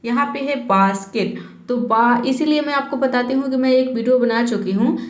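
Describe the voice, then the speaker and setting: Patient woman teacher, echoey room. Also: high voice. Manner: patient, repeats "theek hai" to check in; spells words out slowly letter by letter. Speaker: English teacher. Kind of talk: spoken lesson.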